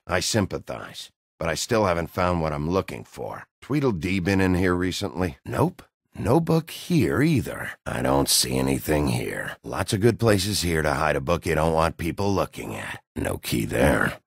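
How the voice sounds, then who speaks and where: An actor playing a gruff, weary, hard-boiled wolf detective in a video game, with a gravelly, husky voice and a blunt, dry, brooding way of questioning. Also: male voice, very deep voice, no echo, full character voice.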